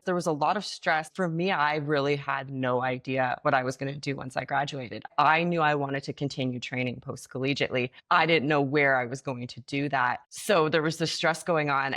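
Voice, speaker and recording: A woman's voice: low voice, fairly bright tone. A young adult woman, a track athlete, answering interview questions in a casual, reflective storytelling way.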